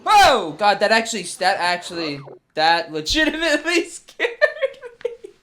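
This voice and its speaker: A man's voice: sits high, big pitch swings, moderate pace. A man reacting like a scared horror game streamer, startled and swearing casually as he plays. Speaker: video game player. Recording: loud game music behind. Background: loud video game music.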